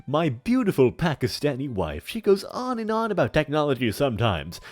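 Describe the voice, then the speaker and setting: A man's voice: fairly high pitch, huge pitch swings, normal speed, voice pushed up. A man voicing a pompous, menacing, melodramatic older man in a hammy stage-actor manner for a comic dramatic reading. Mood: indignant, haughty. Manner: hammy stage-actor delivery with grandiose emphasis.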